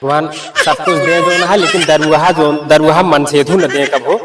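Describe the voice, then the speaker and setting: A man's voice: on the high side, steady tone, moderate pace, distant mic, heavy background noise, close to an everyday voice. A man playing a long-suffering rural aunt with an eastern Uttar Pradesh accent, grumbling chattily and plaintively in a village comedy skit. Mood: plaintive, chatty. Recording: echoey, loud music underneath.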